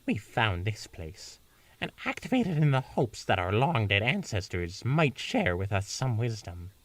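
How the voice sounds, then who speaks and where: A man's voice: fairly low pitch, big pitch swings, a little slow, dry recording, recorded from a distance. A man voicing a regal, ancient female pony princess, reading her lines in a stately, raised voice. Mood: solemn.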